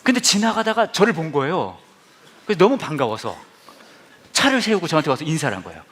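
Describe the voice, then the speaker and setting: A man's voice: a little high, big pitch swings, fast talker, fairly bright tone. A man in his forties preaching a sermon, telling a personal story animatedly and acting out his own reactions. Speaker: pastor.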